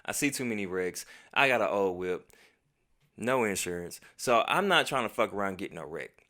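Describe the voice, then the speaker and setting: With a voice on the low side and a moderate pace, this American vlogger retells something that happened to him. The story is casual and animated, packed with slang and swearing, and he acts out bits of the conversation as he goes.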